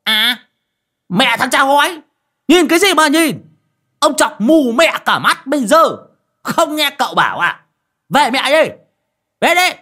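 A man's voice: deep voice, lively intonation, measured pace, husky, voice pushed down, exaggerated voice. A man voicing a clumsy, rowdy old village man who stammers and swears. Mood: yelling. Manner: stammering, crude and brash.

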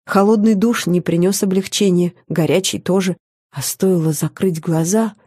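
A woman reading a first-person audiobook on a close studio mic, intimate and expressive, often softening to a hush. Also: fairly low pitch, normal speed, slightly rough, dry recording. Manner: intimate and expressive, dropping to a soft hush in tender moments. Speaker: audiobook narrator.

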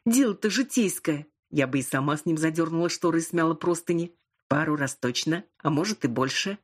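A woman reading an audiobook, voicing a teasing, sharp-tongued young woman friend. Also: deep voice, animated, brisk, husky. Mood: cheeky teasing. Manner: mocking, cheeky, then bitter. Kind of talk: audiobook character voice.

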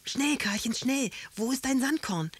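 A woman's voice: deep voice, expressive, normal speed, breathy edge, no echo, heavily acted. Woman playing an old man, grandfather inventor, giggling, proud, storybook reading. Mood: playful. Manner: chuckling, warmly proud.

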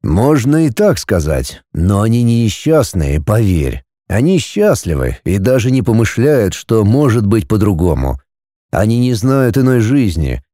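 A man's voice: on the low side, very animated, unhurried, mellow, no room sound, studio quality. A man voicing a blunt, possessive male dragon lord, speaking cool and curt.

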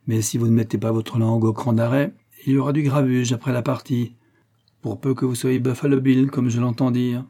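Shady gambler gunslinger, grumbly and threatening, man doing him, husky dark voice. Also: medium pitch, level tone, brisk, natural voice. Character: menacing gambler gunman, grown man, grumbling. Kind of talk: audiobook character reading.

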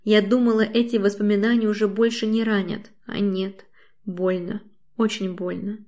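A woman's voice: medium pitch, flat delivery, normal speed, darkish tone. Woman narrating an emotional audiobook. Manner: emotional, intimate storytelling. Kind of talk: first-person audiobook narration.

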